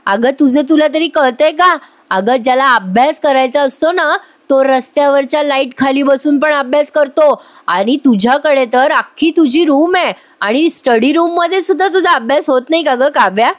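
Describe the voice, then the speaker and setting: A woman voicing a stern middle-aged mother-in-law who scolds with sharp questions. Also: sits high, fairly even intonation, moderate pace, close to an everyday voice. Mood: scolding.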